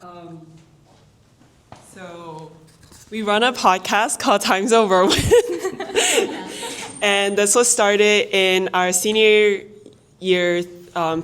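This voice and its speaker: A woman co-host speaks to a classroom audience with many pauses and "um"s. Her voice sits on the low side. She talks unscripted and loose. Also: a bit bright. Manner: hesitant, many "um"s. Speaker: podcast co-host. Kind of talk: unscripted talk to a live audience.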